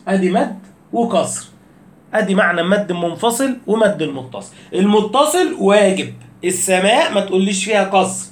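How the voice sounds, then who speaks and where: A man with an Egyptian Arabic accent giving a casual recitation lesson, asking rhetorical questions and breaking into slow chanted verses. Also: sits high, reverberant. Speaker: Quran recitation teacher.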